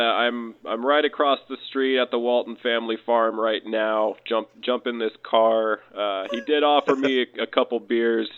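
A man playing a male fire captain slacking off with beers, laid-back and hesitant, heard over a police-style two-way radio. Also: mid-range voice. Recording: tinny radio line.

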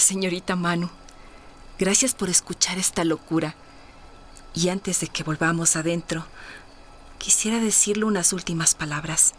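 A woman's voice: fairly low pitch, a little hiss or hum, lightly acted. A woman playing a refined, romantic lady in a historical audio drama, speaking formally and earnestly as if confiding. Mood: earnest, tender. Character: refined, candid married lady, romantic and independence-minded.

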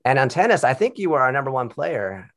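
A man's voice: medium pitch, big pitch swings, fairly quick, a bit bright, no echo, clean studio sound. A man, a school counselor, hosting a podcast interview with an upbeat, encouraging manner.

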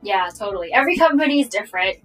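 A young adult woman hosting a casual live-streamed interview, chatty with many fillers, heard through low-quality stream audio. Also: expressive, very fast, a bit bright. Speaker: host. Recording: distant low-quality stream mic, faint music.

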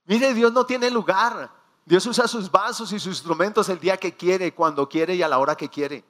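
A male preacher delivers a sermon in a somewhat high voice. He tells stories with little acted asides and quoted prayers. He drags out the key phrases for emphasis. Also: a bit bright.

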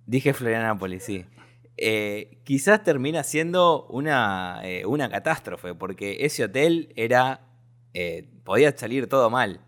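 A man's voice: mid-range voice, expressive, a little slow, a bit bright. Hesitant Argentine man chatting about films. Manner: hesitant, many fillers, colloquial. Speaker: podcast film critic. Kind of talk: casual film discussion.

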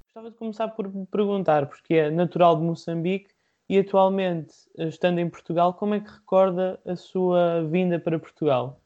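An interviewer asking formal, measured questions. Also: mid-range voice, steady tone, highs cut off.

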